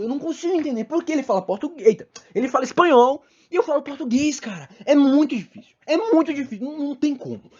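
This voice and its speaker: A woman's voice: on the high side, darkish tone. A young woman hosting a podcast, ranting in an exasperated comic monologue full of swearing and rhetorical questions. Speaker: podcast host. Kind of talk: solo comic rant. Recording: dull lo-fi recording.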